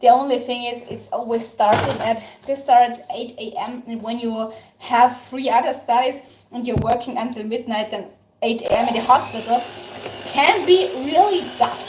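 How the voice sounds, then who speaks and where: Pitched on the high side, this young woman speaks at a moderate pace. Hailing from Tyrol, she grew up speaking Tyrolean-dialect German and has an Austrian German accent; she bakes on a relaxed live stream, chatty, replying to comments and frequently thanking viewers. Background noise and echo fill the room.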